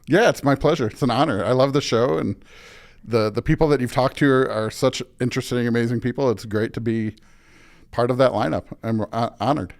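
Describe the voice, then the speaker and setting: His voice is mid-range and creaky, and he talks briskly. The middle-aged guest, with his Midwestern accent and suburban Illinois roots, tells casual anecdotes while frequently using "like."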